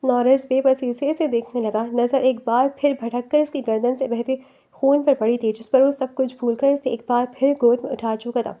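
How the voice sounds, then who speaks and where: High-voiced woman narrating a romance novel. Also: steady tone, dark tone. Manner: emotive storytelling.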